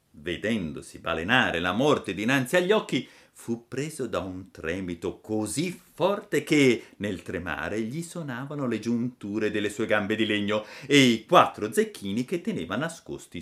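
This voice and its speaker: Lively, bright-voiced man reading a storybook. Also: low voice. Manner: expressive, dramatic narration. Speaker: narrator.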